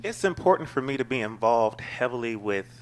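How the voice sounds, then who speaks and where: A middle-aged man talks casually as a talk show guest. He tells his stories in a playful, animated way and jokes with the host. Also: medium pitch, fairly quick. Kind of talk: casual chat.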